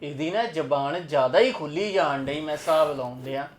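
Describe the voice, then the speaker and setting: A woman's voice: deep voice, lively intonation, a little fast. A woman playing a stern young husband. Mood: angry. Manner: scolding, protective. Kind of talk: amateur family drama acting.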